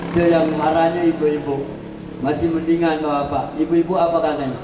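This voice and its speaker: A high-voiced man preaches to a crowd at a wedding celebration, lively and joking, and he bursts into shouts as he acts out what people say. His voice comes from far off the mic and rings through a large echoey hall with a long reverb tail. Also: fairly quick, background noise.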